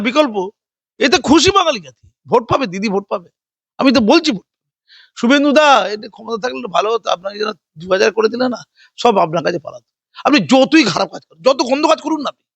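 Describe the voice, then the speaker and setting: High-pitched, fast, combative older man. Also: fairly bright tone, dry recording. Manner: combative, sarcastic, rambling with mocking repetitions. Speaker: interviewee. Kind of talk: heated political interview.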